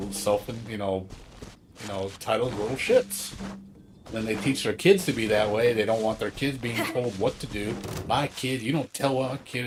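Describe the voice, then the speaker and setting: A man's voice: on the low side, background noise. A man streaming a game, ranting casually and profanely, rambling with lots of fillers. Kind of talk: casual chat while gaming.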